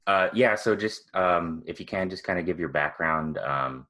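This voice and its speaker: A man's voice: deep voice, moderate pace, sharp tone. A man hosting a podcast, asking questions casually with many ums and uhs. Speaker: podcast host.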